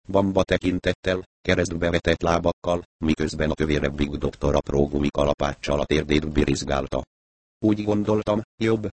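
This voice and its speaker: A man's voice: low-pitched, no room sound. A man reading an audiobook aloud in a dry, ironic storytelling tone, voicing the characters himself. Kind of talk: audiobook narration with character voices.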